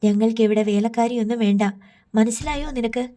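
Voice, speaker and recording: A woman's voice: a little high, a little fast, dark tone, natural voice. A woman voicing a worried middle-aged mother who scolds her daughter with a shaking voice. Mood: upset scolding. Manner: scolding, voice trembling with hurt.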